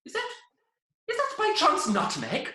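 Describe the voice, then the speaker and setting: A woman's voice: high-pitched, huge pitch swings, measured pace, sharp tone, echoey room, exaggerated voice, poor audio. A woman playing a fussy, effusive male chief food judge who lingers over every word, in an improvised comedy over a video call. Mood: rapturous. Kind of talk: improvised comedy role-play.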